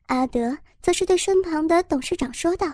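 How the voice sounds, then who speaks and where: A woman narrating a story in a steady, even storytelling voice. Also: very high-pitched, normal speed, no room sound. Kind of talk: scripted narration.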